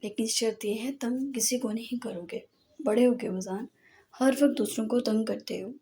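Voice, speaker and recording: A woman voicing an affectionate mother who gently scolds her son, in an audiobook novel. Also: on the high side, normal speed, natural voice. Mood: scolding. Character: affectionate scolding mother, firm but kind.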